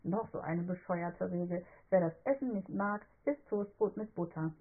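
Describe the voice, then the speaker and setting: A woman narrating a children's story in an even, clear storytelling manner. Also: lowish voice, normal speed, narrow, tinny audio. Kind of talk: scripted children's story reading.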